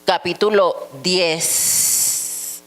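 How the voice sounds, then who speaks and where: Woman, unhurried Bible teacher, mains hum under the voice. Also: fairly low pitch, fairly even intonation, fairly bright tone. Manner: unhurried teaching, asks the class questions, reads scripture aloud. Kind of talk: church Bible lesson.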